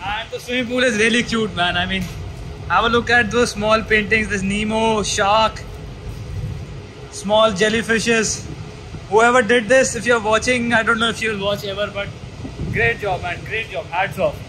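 A man from India, a seafarer vlogger, films a casual tour of a cargo ship with a handheld camera held at arm's length, moving between the outdoor decks and the indoor day room. His voice sits high with fairly even intonation and a slightly slow pace. He chats eagerly and enthusiastically, full of restarts and fillers, against a noisy background.

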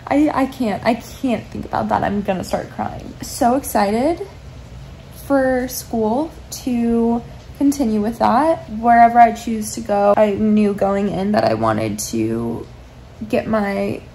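A woman in her twenties lies in bed and slowly, softly reflects on her life for a vlog, holding the phone camera at arm's length. Her pitch is fairly high, the meandering chat is casual and confessional, and the poor audio carries a slight hiss or hum.

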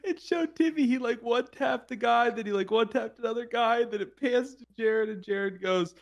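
A man's voice: very high-pitched, normal speed. A man bantering and teasing his friends on a stream. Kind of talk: casual banter.

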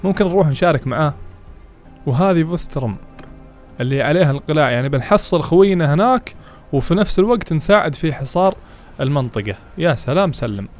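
Excitable fast-talking gamer. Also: male voice, a little high, soft background music. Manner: excitable, chatty, talks to viewers and reads game text aloud. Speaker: gaming channel host. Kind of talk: let's play commentary.

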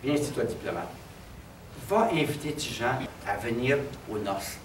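A man with a Québécois accent voicing a scheming king who gives low, conspiratorial orders. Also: animated, moderate pace, background noise, lightly acted. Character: scheming middle-aged king, sly and commanding. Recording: roomy, distant mic, faint background.

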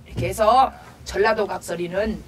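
A woman's voice: mid-range voice, steady tone, normal speed. A woman teaching a Korean folk song, explaining the verses in a chatty, laughing, storytelling way. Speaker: pansori teacher. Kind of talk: sung folk verse then casual spoken explanation. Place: traditional music class room. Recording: singing class recorded from far off, music behind.

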